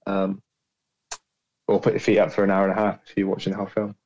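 A man's voice: deep voice, completely flat delivery, quick pace, darkish tone, highs cut off. A man, co-hosting a podcast, speaking hesitantly with many fillers. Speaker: podcast co-host. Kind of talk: casual podcast chat.

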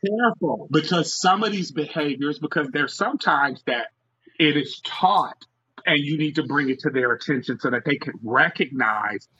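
A man's voice: fairly high pitch, animated, moderate pace, pushed and bright. A man on a podcast giving emphatic, preachy advice about parenting. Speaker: podcast guest. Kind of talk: casual podcast chat. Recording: dull lo-fi audio.

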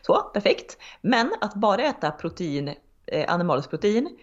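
A woman's voice: medium pitch, very animated. A woman in a casual chat, talking frankly and emphatically and swearing casually. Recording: dull lo-fi sound.

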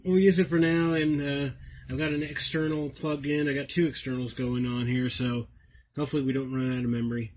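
Male podcast host, husky voice, playful banter, dull lo-fi recording outdoors. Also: medium pitch, fairly quick. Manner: jokey, animated, breaks into laughter. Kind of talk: casual podcast chat.

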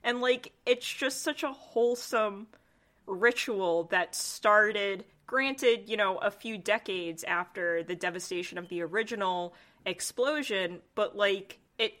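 A woman hosting a casual history podcast, chatty and quick to laugh, full of "like" and "dude". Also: medium pitch, a bit bright. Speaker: podcast host.

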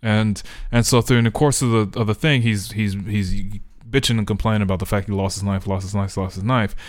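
A man co-hosting a screenwriting podcast, thinking out loud with lots of restarts in casual chat. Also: on the low side, fairly even intonation, fairly quick, dry recording, clean studio sound. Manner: rambling, thinks aloud with many restarts. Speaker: podcast co-host. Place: podcast studio.

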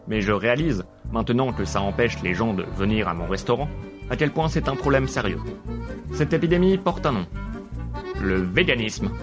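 A man playing an eccentric, self-important father who fancies himself a detective, leaving a rambling voicemail. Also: mid-range voice. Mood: indignant. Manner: rambling, pompous, absurdly earnest monologue. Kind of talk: comedic voicemail sketch. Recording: music playing underneath.

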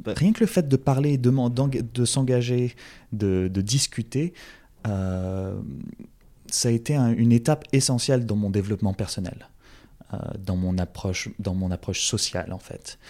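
A man's voice: lowish voice, warm tone. A young man from France with a French accent, talking as an interview guest with many fillers and restarts. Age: young adult. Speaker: guest, former campaign organizer. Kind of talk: casual interview.

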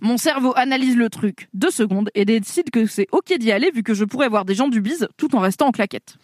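A woman co-hosting a podcast in casual chat, lively and reading out listener messages. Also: on the high side, a little fast, no room sound, clean studio sound. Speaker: podcast co-host.

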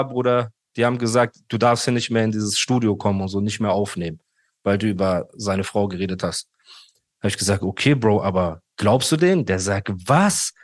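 A man's voice: medium pitch, no echo, clean studio sound. Man retelling a feud, acting out voices. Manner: animated, acts out quoted dialogue, says "Bruder" often. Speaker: guest telling his story. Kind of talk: casual storytelling interview.

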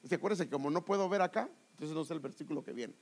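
A man's voice: fairly high pitch, fast. A man preaching a sermon, explaining scripture verse by verse and addressing listeners as brother.

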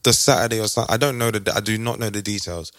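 A man's voice: lowish voice, very fast, a bit bright, no room sound, studio quality. A young man with an urban London roadman accent, chatting casually in heavy street slang and repeating phrases for emphasis. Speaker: podcast co-host.

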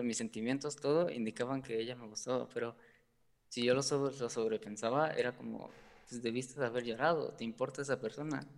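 A man's voice: medium pitch, creaky. Hesitant man laughing nervously. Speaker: guest. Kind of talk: conversational personal talk. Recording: long reverb.

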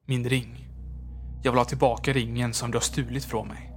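A menacing skeleton ghost from a spooky storybook, relentless and threatening, voiced by a man. Its demands carry a cold, unhurried weight. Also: mid-range voice, flat delivery, faint music behind, natural voice.

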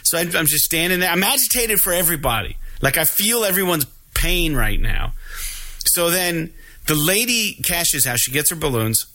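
Bright-voiced man telling a rant story. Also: on the high side, normal speed. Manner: animated, profane, acts out other people's lines. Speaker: podcast co-host. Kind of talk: casual storytelling chat.

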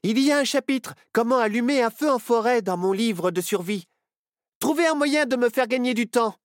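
Man doing an excited clever boy. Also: very high voice, normal speed, no room sound, clean studio sound, voice pushed up. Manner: excited, bossy.

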